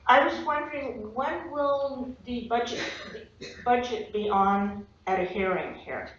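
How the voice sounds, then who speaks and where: Slow-talking woman at the public mic. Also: mid-range voice, fairly bright tone. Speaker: public commenter. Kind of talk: public comment at a board meeting. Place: echoey public meeting room. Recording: echoey, dull meeting-room audio with faint room noise.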